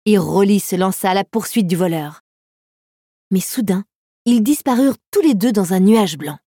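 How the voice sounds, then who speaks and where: A woman narrating a children's audiobook in a calm, even storytelling manner. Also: medium pitch, moderate pace, no room sound, studio quality.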